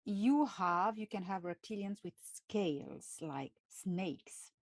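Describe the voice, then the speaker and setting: A woman with a French accent, hosting a live stream and talking in a halting way with many pauses and fillers. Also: mid-range voice, animated, no echo. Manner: halting, many fillers and restarts, laughs often. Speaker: channel host.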